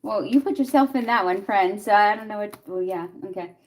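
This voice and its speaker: A young woman talks her way through a tarot reading in a loose, chatty flow. She laughs easily, jokes, and answers her viewers' comments as she goes. Her voice sits at a middle pitch. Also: fairly quick, darkish tone. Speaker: tarot reader. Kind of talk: casual live tarot reading.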